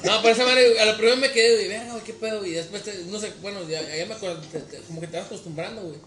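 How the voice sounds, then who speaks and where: Fast-talking slangy Mexican man. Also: high voice, roomy sound, music in the background. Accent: Mexican Spanish. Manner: fast, slangy, repeats words. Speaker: cook and podcast co-host. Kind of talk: casual chat.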